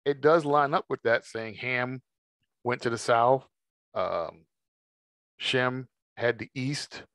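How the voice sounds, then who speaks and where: A man teaching a Bible study, reading verses slowly and then explaining them in a measured way. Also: medium pitch, fairly bright tone, no echo. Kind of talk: scripture study talk, reading aloud.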